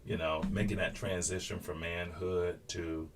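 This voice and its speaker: A man's voice: deep voice, level tone, unhurried. A man hosting a casual live interview, easygoing and affirming. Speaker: host. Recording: distant mic with faint noise.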